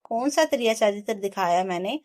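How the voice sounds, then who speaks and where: Female narrator doing a wounded young wife, impassioned storybook protest, everyday pitch. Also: lively intonation, brisk, a little mellow, close to an everyday voice. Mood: indignant. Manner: emotional, rising to impassioned protest. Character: young wife, hurt and pleading for her rights.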